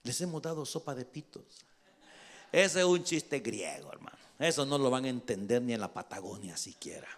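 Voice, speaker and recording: A man's voice: medium pitch, big pitch swings, moderate pace. A male pastor preaching a sermon in a conversational way, checking in with his listeners and joking as he goes.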